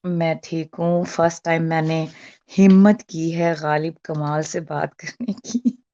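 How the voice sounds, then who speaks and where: A woman's voice: deep voice, steady tone, measured pace, warm tone, dry recording, lo-fi sound. A woman in her forties phoning in as a caller over a call line, speaking earnestly with frequent hesitations and restarts. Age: 40s. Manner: hesitant, with many fillers and restarts.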